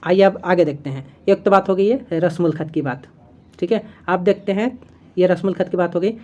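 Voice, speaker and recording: Woman teaching in a slightly low voice. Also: brisk, darkish tone, dull audio. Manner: explains step by step, repeats key terms, often checks with "theek hai"; hesitant fillers and self-corrections. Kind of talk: exam-prep lecture reading from notes.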